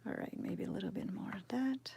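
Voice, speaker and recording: Warm, breathy and whispered, with vocal fry, her mid-range voice carries a Brazilian Portuguese accent. The Brazilian woman in her thirties thinks out loud at a slow pace during a casual live sculpting lesson, answering chat and murmuring as she works.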